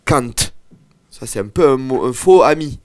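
A man teaching an Occitan lesson, explaining words slowly with hesitant fillers. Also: medium pitch, animated, darkish tone, a little hiss or hum. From southern France. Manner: slow, hesitant, many fillers.

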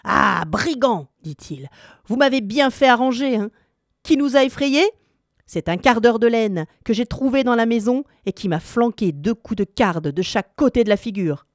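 A woman's voice: fairly high pitch, animated, moderate pace, dry recording, studio quality, voice pushed up. A woman voicing a beaten-up male wolf in a storybook, complaining indignantly about being attacked. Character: battered grumbling male wolf.

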